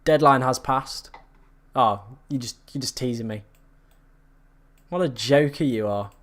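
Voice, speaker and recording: Reacting to viewer comments in a casual live stream, the male host speaks a little slowly in a medium-pitched, somewhat bright voice. Hours of talking have left it a bit hoarse.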